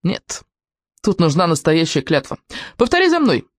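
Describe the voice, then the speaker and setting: A man's voice: a little high, wildly swooping pitch, normal speed, no room sound. A man doing a swaggering schoolboy who orders his friend about in a grave, self-important tone. The voice is close and dry, with no room around it. It rises and falls freely as he lays down the law. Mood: solemn. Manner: pompous, solemn, commanding. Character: boastful, bossy schoolboy, fifth-grader.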